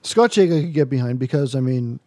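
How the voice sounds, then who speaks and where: A man co-hosting a casual comedic chat with wry, quick quips. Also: mid-range voice, animated, a little mellow, no room sound. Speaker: podcast co-host.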